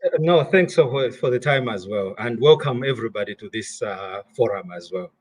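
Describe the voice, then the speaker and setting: A man in his thirties from Malawi, answering interview questions over a video call in an animated way and repeating words as he gathers his thoughts. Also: mid-range voice, normal speed, slightly rough. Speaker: guest, finance director.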